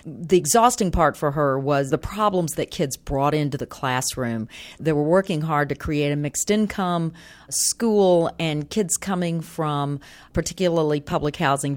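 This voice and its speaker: A woman interviewing a guest, asking measured, thoughtful questions. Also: sits low.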